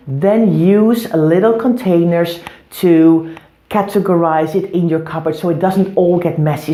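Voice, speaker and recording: A woman with a lowish, mellow voice hosts an instructional home organising vlog, giving tips to the camera indoors. She is in an echoing bathroom, and its room sound carries on the recording.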